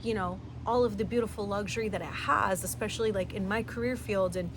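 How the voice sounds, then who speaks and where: A woman in her twenties hosts her own podcast, delivering a casual motivational monologue that's earnest and rambling, packed with "like" and "you know." Her mid-range voice moves fairly quickly over a noisy background.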